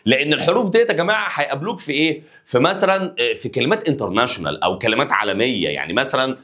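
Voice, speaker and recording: A man's voice: mid-range voice, animated, racing, bright, forceful tone. A man with an Egyptian Arabic accent teaching an online language lesson, drilling letters and asking students to repeat after him.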